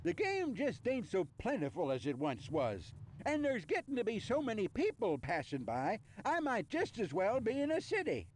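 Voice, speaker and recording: An actor playing a folksy frontier hunter in a computer game, talking in a rustic drawl. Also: male voice, high voice, wildly swooping pitch, normal speed, slight background noise. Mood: folksy, advising. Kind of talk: scripted game character dialogue.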